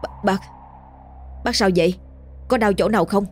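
A woman voicing a young village man, rushed, fretful and gossipy. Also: medium pitch, a little hiss or hum, natural voice. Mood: alarmed.

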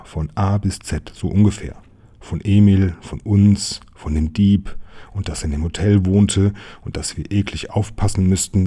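A man reading a children's novel aloud, shifting his voice for the boys' lines. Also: breathy edge. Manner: lively, shifting pitch for quoted boys. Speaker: audiobook narrator. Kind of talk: audiobook reading of a children's novel, voicing the boys.

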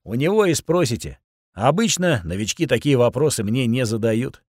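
Guy doing a shady calm boss in an audiobook who keeps dodging questions. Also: mid-range voice, normal speed, dry recording, clean studio sound. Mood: calm, dismissive. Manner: brushing off questions, reassuring.

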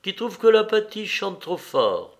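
A man's voice: a little high, a little slow, gravelly, a bit bright, pitched above the performer's own voice. A man voicing a passionate, reproachful young noblewoman in an audiobook, his voice raised and pleading. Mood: teasing. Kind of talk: audiobook character reading.

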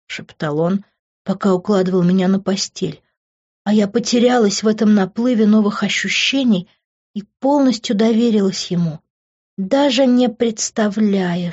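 A woman narrating a first-person audiobook in a steady, emotionally shaded reading. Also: medium pitch, moderate pace, husky. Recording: slightly dull lo-fi audio.

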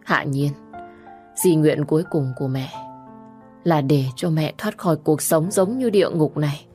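A frail dying old mother speaks in a weak, tender voice, as a woman reads her part. Her tone sits low and deep. She pleads gently and softly with her daughter in this storybook audio. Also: normal speed, soft background music, natural voice. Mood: pleading. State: dying, gasping.

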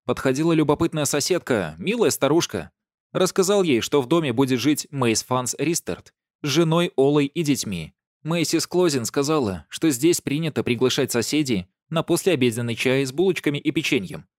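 A man voicing a cheeky young male gardener who teases his friend loudly, in an audiobook. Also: mid-range voice, expressive, moderate pace, no room sound, studio quality, pitched above the performer's own voice, natural voice. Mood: teasing. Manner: jeering, loud, teasing.

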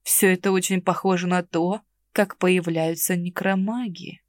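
A woman voicing a haughty, mocking male necromancer in an audiobook, with a slow, languid, predatory drawl. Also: on the low side, fairly even intonation, a little mellow, dry recording, natural voice. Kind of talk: audiobook character reading.

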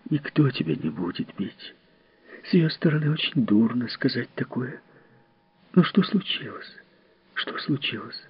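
Man doing a hushed, tender woman caretaker. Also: medium pitch, big pitch swings, measured pace, long pauses, husky, no room sound, full character voice. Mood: hushed comfort. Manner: soft, hushed, comforting. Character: tender, distraught woman caretaker, gentle and protective. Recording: dull, dry audiobook recording.

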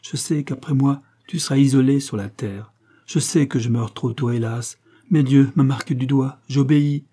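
A man reading the lines of a dying mother, weak, tender and resigned, speaking her slow faltering farewell. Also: mid-range voice, dark tone, husky, close to an everyday voice.

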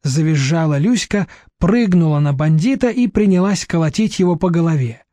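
A man narrating an audiobook in an even storytelling manner, on a close studio mic. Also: on the high side, normal speed, no room sound. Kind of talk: scripted narration.

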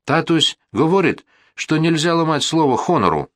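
Male reader doing a headstrong young girl, broken Russian, raised pitch, dry. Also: big pitch swings, normal speed, no room sound. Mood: pleading. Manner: mixes Polish words into broken Russian. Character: spirited young foreign girl, stubborn.

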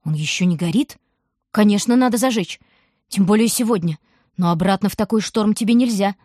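A woman voicing a kindly, fussing old male grocer in an audiobook, worried and scolding gently. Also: mid-range voice, brisk, dry recording, clean studio sound, natural voice. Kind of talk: audiobook reading.

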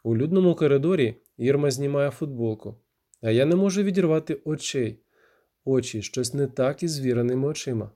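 A man reading a first-person audiobook in a measured, steady storytelling manner. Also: medium pitch. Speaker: audiobook narrator.

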